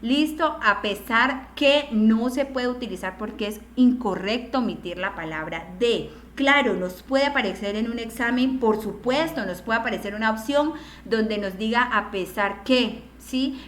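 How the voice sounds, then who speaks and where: A woman's voice: a little high, a bit bright. Explaining woman teacher, echoey room. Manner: explanatory, frequent checking questions. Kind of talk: online class lecture.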